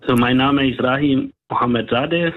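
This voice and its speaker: A man in his late thirties from Iran, a native Farsi speaker with a Persian accent, talking haltingly and searching for words as an interviewee. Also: mid-range voice, no echo. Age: 30s. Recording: phone line.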